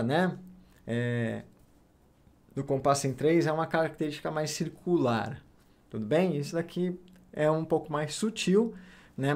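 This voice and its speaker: A man's voice: fairly high pitch, darkish tone. A man teaching music theory, explaining patiently step by step, counting beats aloud and checking in with short questions.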